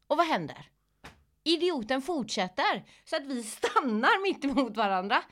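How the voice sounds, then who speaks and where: A woman comedian in casual podcast chat, telling animated stories, swearing freely and laughing often. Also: high-pitched.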